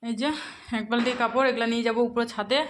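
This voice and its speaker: A woman's voice: fairly high pitch, steady tone, quick pace, slight background noise. Chatty Bengali mother vlogging chores. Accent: Bengali, colloquial North Bengal. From North Bengal, India. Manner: chatty, talks to viewers directly; speaks softly at times so a sleeping child stays asleep. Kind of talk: casual narration of chores. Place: home kitchen and rooms, indoors.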